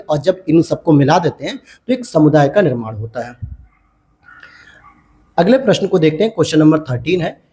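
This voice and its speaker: Male exam-prep teacher, slightly high voice, steady explanatory delivery, quizzes viewers on key answers. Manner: repeats key answers as quick questions to viewers; addresses viewers as friends. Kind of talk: explaining answers to a test series.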